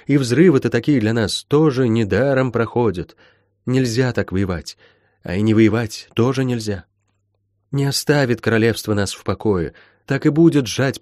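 A man's voice: mid-range voice, expressive, moderate pace, darkish tone, dry recording, studio quality, lightly acted. A man voicing a stern middle-aged woman healer who talks in old-fashioned folksy speech, in an audiobook. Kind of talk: audiobook character voice.

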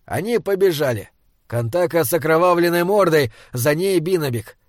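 A man narrating an audiobook in a steady storytelling manner. His voice sits slightly high for a man. The recording is dry and close. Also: moderate pace, no room sound. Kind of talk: scripted narration.

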